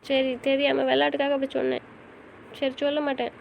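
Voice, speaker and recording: A woman's voice: sits high, monotone, brisk, vocal fry, a little hiss or hum. A woman playing a young wife who pleads and apologizes, in an audio drama recorded on a dull lo-fi track. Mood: pleading.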